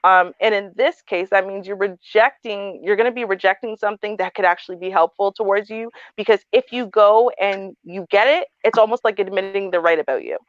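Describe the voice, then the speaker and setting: A woman's voice: mid-range voice, brisk, hardly any pauses, no room sound. A woman talks bluntly and frankly in a casual panel discussion, scattering fillers as she goes. The recording is dry and dull, with little room sound and a muffled top end. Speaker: panel host.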